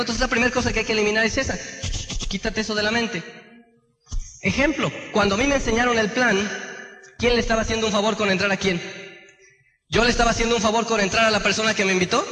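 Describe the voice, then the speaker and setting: A man's voice: sits high, sharp tone. A man giving a motivational sales seminar to a hall audience, often checking in with rhetorical "correct?" questions. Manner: keeps asking the room "correct?". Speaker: business trainer. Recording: echoey hall with long reverb.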